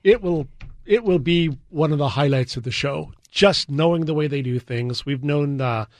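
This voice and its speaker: Higher-voiced American man with flat vowels. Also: moderate pace, no room sound, clean studio sound. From US West Coast. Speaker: guest, garden show organizer. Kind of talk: casual radio chat.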